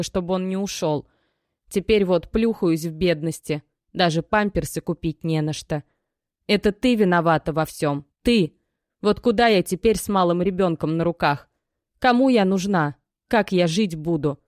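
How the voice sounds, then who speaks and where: In this audiobook character voice, a woman plays a desperate young mother who pleads and reproaches through tears, her voice dry, cracked and trembling. She speaks at a measured pace in a lowish, slightly mellow voice that is lightly acted. The recording is dry.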